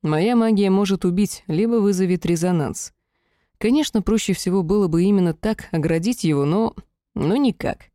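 A woman reading the lines of a gentle male elf healer in an audiobook, softly and affectionately. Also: medium pitch, normal speed, no room sound, clean studio sound, natural voice. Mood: earnest. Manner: soft, quiet, affectionate.

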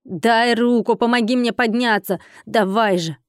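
Woman doing a loud, sneering brothel madam, sharp-tongued, in a dry audiobook read. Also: medium pitch, unhurried, dry recording, natural voice. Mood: mocking, shrill. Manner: snapping, mocking. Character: shrill haughty woman brothel owner.

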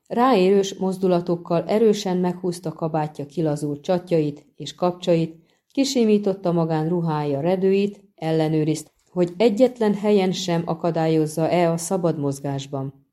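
A woman reading a fantasy novel aloud as an audiobook narrator, in a steady, measured storytelling manner. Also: lowish voice. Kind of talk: scripted narration.

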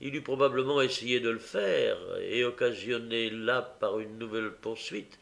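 Gravelly man narrating a novel dramatically. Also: medium pitch, moderate pace. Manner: dramatic, expressive. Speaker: audiobook reader. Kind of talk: audiobook narration.

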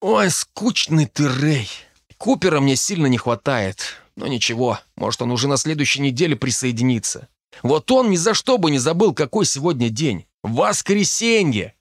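A man voicing a brash, crude teenage boy at a magic academy, loud and impatient, teasing his friend. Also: medium pitch, big pitch swings, moderate pace, no room sound, studio quality, pitched above the performer's own voice. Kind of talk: audiobook character voice.

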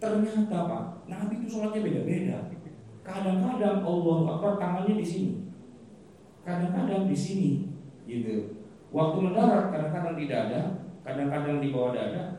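A man's voice: sits high, dark tone, distant mic, slight background noise. Man lecturing in an echoey hall. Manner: chatty and humorous, acts out quoted voices, frequent "gitu kan" tags. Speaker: Islamic teacher giving a weekly study talk. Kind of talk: casual religious lecture with storytelling.

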